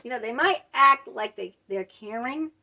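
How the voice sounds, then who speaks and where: A middle-aged woman hosting a casual advice vlog, telling stories in a blunt, animated, indignant way. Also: a little high, moderate pace, creaky. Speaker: channel host.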